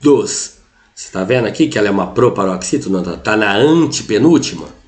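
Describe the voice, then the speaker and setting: A man's voice: lowish voice, animated, normal speed, darkish tone. A middle-aged man with a Brazilian accent, a Portuguese teacher going through exam answers step by step and checking in with the listener again and again. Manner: explains step by step, constantly says "ó" and "tá?".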